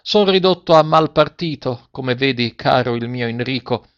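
A man voicing an ailing, affectionate old male schoolteacher who speaks gently and fatherly, in a storybook reading. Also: medium pitch, moderate pace, clear, resonant tone, close to an everyday voice. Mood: tender. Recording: dull dry lo-fi recording.

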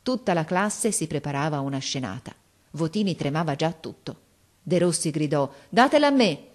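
Low-voiced woman reading a classic story. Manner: expressive, measured storytelling. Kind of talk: audiobook reading of a classic novel.

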